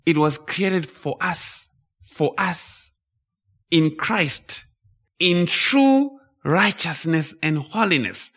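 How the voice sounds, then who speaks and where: A man's voice: on the high side, expressive, extremely slow, fairly bright tone. A man from Zimbabwe preaching a sermon, stressing and repeating key phrases.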